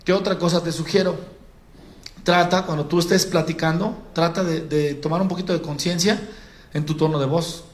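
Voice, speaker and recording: Mexican male sales trainer, high voice, colloquial and demonstrative, live in an echoey event hall. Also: steady tone, moderate pace. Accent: Mexican Spanish. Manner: colloquial, addresses audience as compadre, demonstrates by acting out. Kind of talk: live public-speaking training.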